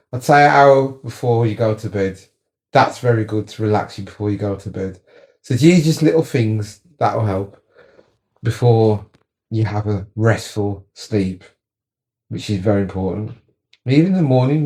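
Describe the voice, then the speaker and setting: Speaking at a fairly low pitch with a slightly mellow tone, this man coaches on relaxation in a relaxed, chatty way. He shows each move while explaining and repeats words to stress them.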